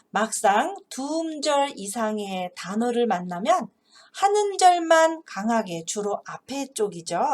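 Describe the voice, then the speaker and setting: A woman presenting a phonics lesson for teachers, explaining patiently and reading example words slowly and carefully. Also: fairly high pitch. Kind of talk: instructional video lesson for teachers.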